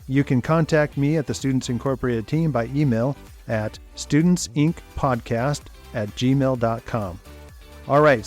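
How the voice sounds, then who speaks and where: A man's voice: medium pitch, darkish tone. Man hosting a podcast outro. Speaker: podcast host. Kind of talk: scripted show outro.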